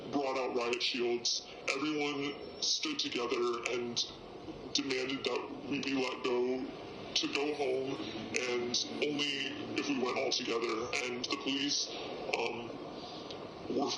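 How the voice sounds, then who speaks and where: An anonymous forest defender gives halting eyewitness testimony through a voice-disguising effect. The distorted deep voice stays in a narrow, flat pitch range, in a roomy, echoing recording with clear noise behind it.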